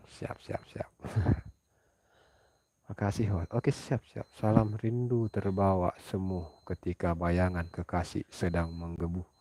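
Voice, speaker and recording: A man from South Sulawesi hosting a casual late-night livestream, speaking in a hushed voice so as not to wake others, reading viewer comments aloud and answering them at home at night. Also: sits low, breathy edge. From South Sulawesi, Indonesia. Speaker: livestream host.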